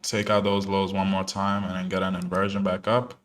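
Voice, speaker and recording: His low voice is completely flat and fairly quick. A young man from New Jersey whose parents came from Ghana, he's a day trader giving relaxed, slangy live-stream commentary loaded with fillers.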